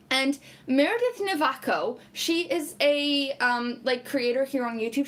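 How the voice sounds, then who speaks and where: A high-sitting, fairly bright female voice belongs to a young Portuguese woman for whom English is a second language. She keeps up casual, chatty talk on a live stream, reading viewers' comments, laughing frequently and dropping in lots of "like."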